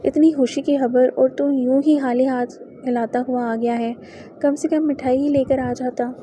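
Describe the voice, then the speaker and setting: An older village mother scolding her husband in mock anger, her tone teasing and homely, as a woman reads her aloud. The voice is fairly high but stays very dark and level. It is part of a spoken audiobook novel. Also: steady tone, slight background noise, close to an everyday voice.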